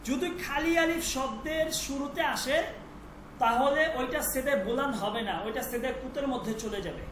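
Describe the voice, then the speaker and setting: Brief: high female teacher voice, patient, repeats and checks, roomy echo, faint hiss. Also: normal speed. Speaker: Persian language teacher. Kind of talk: online class lesson.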